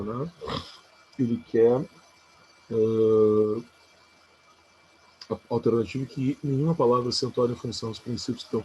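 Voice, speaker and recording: A man's voice: mid-range voice, darkish tone, a little hiss or hum, rough recording. A man teaching a recorded exam-prep lesson, casually talking through each answer and checking in with his students. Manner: casual, talks through answers aloud with frequent "né?" and "beleza?".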